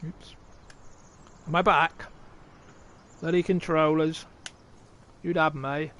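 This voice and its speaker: Slowly and with fairly even intonation, a man with a slightly high, a bit bright voice chats through a live stream of a farming game. He thinks aloud, addresses viewers and swears casually while playing.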